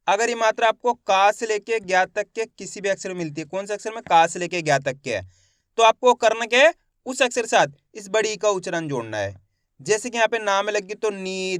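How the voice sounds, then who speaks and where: A young man gives a patient reading lesson, stretching each syllable and asking the viewer questions as he goes. His voice is smooth and clear. It sits close to the mic with no room sound. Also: high-pitched, a bit bright, dry recording. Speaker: Hindi reading teacher. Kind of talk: step-by-step lesson for learners.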